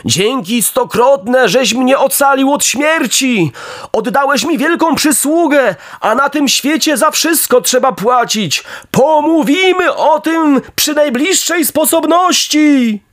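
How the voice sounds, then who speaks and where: A man voicing a male bulldog in a storybook reading, by turns shouting for help and drawing out his words. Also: very high voice, lively intonation, voice pushed up, full character voice. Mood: grateful, pointed. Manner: shouting, pleading, drawn-out. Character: frantic drowning bulldog, male, later smug.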